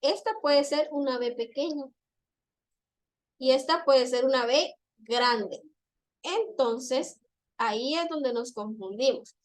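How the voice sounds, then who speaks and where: High-voiced woman teaching a lesson. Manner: explanatory, repeats examples slowly. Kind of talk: classroom lecture.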